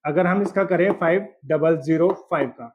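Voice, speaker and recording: A man with a high voice teaches a school math lesson. He works through each example step by step and keeps checking that the class is following. The audio sounds dull and lo-fi. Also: normal speed. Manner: explains step by step, checks in with "ठीक है". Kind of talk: board-exam math lesson.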